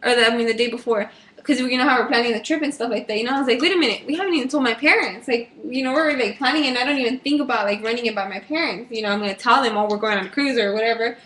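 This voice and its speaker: A woman in her twenties in a casual chat, talking quickly with many "like"s and "you know"s. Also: fairly high pitch, fairly bright tone, reverberant.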